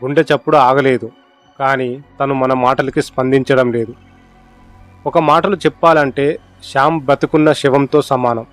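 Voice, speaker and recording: A man voicing a calm, grave hospital doctor in a storybook reading. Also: medium pitch, moderate pace, no room sound, soft background music, close to an everyday voice.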